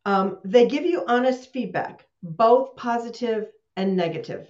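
A woman's voice: a little high, animated, a little slow, darkish tone. Female host, casual and talkative, video-call sound in an echoey room. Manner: chatty, laughs often, restarts mid-sentence. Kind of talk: casual talk, live online session. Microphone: computer mic on a video call. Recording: roomy, dull video-call audio.

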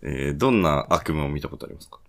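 A man co-hosting a podcast, briskly reading out quick-fire questions in casual chat. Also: very deep voice. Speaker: podcast co-host asking questions.

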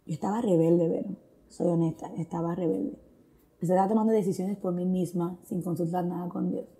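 A woman's voice: lowish voice, steady tone, fairly quick, mellow. Earnest woman telling a personal testimony. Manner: mixes Spanish with English phrases; earnest, reflective, with frequent fillers. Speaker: guest sharing a testimony.

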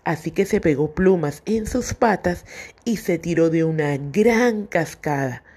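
A woman's voice: fairly low pitch, expressive, a little slow, warm tone, breathy edge. A woman teaching children letter sounds and reading a picture book aloud, articulating each word carefully.

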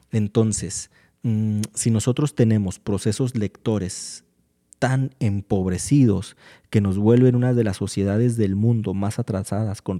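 A man from Mexico, speaking as a guest in a casual discussion about faith, in a measured, explanatory way with frequent pauses. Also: lowish voice, dark tone.

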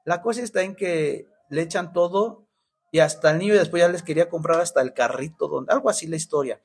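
A man's voice: fairly high pitch, breathy edge. A Mexican man preaching, telling a story and acting out the people in it, with many restarts. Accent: Mexican Spanish. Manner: storytelling with frequent restarts, acting out quoted voices. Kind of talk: storytelling sermon.

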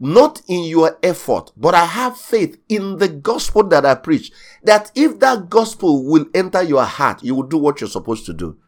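A man's voice: fairly high pitch, very animated, moderate pace. A male pastor delivering a sermon in an emphatic style. He drives his points home by repeating key phrases, and his voice swells in sudden surges of intensity.

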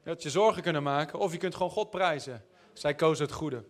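Male preacher, high voice, sermon full of anecdotes and quips. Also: fast talker. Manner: storytelling, jokey asides, repeats words when searching.

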